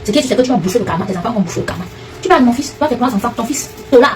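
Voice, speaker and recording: Heated woman commentator, rapid delivery, slightly distant mic. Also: on the high side, lively intonation, music in the background. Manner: fast, confrontational, addresses a rival directly. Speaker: online commentator. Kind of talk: heated direct-to-camera rant.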